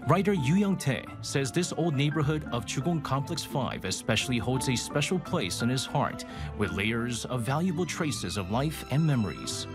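A man narrating a travel documentary in a measured, reflective scripted voice-over. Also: medium pitch, lively intonation. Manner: slow, measured reflective delivery. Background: guitar music.

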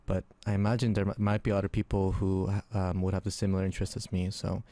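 A young man from Argentina answers interview questions in a low, mellow voice. He speaks thoughtfully, pausing and restarting often. The sound is close and dry. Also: flat delivery, dry recording. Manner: thoughtful, hesitant, many fillers and restarts. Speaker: interview guest, film artist. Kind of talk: casual interview.

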